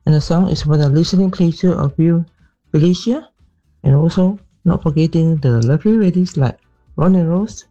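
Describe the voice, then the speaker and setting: A woman's voice: deep voice, normal speed, mellow, soft background music. A woman in a recorded voice message played on the radio, politely reading out her song request and a long list of dedications. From Malaysia. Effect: voice message played over the radio. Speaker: radio listener sending a request. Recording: dull, lo-fi voice note.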